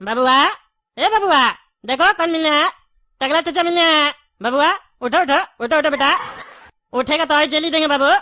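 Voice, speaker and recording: A woman's voice: high voice, pushed and bright, dry recording. A woman voicing a chatty, wary male candy shopkeeper in a cartoon. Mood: coaxing. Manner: chatty, wary, quick to take offence. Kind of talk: cartoon voice acting.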